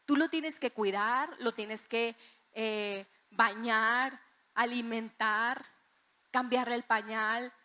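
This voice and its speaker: Bright high-voiced woman preaching. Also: slow pace. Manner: animated storytelling, acts out voices in quotes. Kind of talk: sermon with personal testimony.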